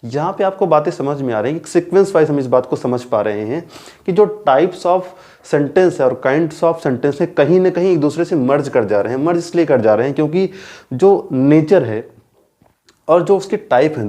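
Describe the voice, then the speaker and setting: Indian male grammar teacher, mellow voice, poses questions and answers them, drills key terms. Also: on the high side, lively intonation. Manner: keeps asking rhetorical questions and answering them himself; repeats key words slowly for emphasis. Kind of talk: classroom grammar lecture.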